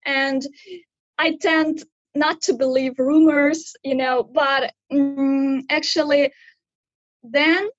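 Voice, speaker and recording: A woman's voice: sits high, fairly even intonation, takes it slowly, dry recording, highs cut off. A woman in her thirties from Kazakhstan, speaking English as an on a video call, hesitant and searching for words as she answers interview questions. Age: 30s. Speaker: interview guest. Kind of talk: casual interview.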